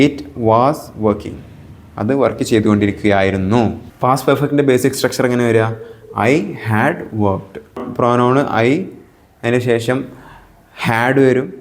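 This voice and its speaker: This is a man with a Malayali accent teaching English grammar. His pitch is mid-range and even, and he talks in a calm, methodical way. He pauses to say each example sentence slowly and with care. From Kerala. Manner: patient, repeats each example slowly and steadily.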